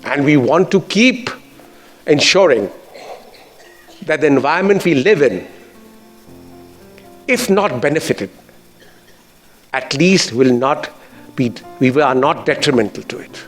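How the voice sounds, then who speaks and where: A man's voice: on the high side, expressive, a little slow, long pauses, soft background music. A man with an educated, posh Indian English accent gives a formal speech as a school chairman, earnest and emphatic in his phrasing.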